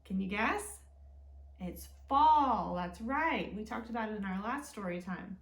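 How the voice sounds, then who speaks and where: A woman hosts a storytime for young children, reading aloud and explaining in a sing-song manner while asking simple, encouraging questions. Her mid-range voice is expressive and a little slow. The mic sits at a distance in an echoey room.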